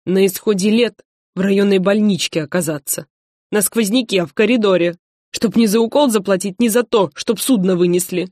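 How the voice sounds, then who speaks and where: A woman reading an audiobook voices a bitter, aggrieved older wife who speaks loudly and scornfully. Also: medium pitch, moderate pace, dry recording, clean studio sound, lightly acted. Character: bitter aging wife, tearful then threatening.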